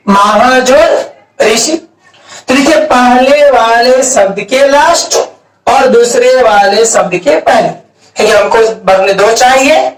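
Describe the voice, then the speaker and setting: A man teaching a grammar lesson at a board, asking questions and answering them himself, stretching out key words. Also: very high voice. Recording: echoey room, mic far off.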